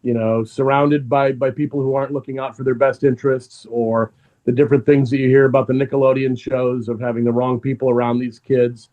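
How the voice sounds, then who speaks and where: A filmmaker speaks as a guest on a podcast, a man of ordinary pitch who weighs his words and often restarts his phrases. His delivery is measured and earnest, working through his answers at his own speed. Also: little pitch movement, muffled recording. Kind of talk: reflective interview answers.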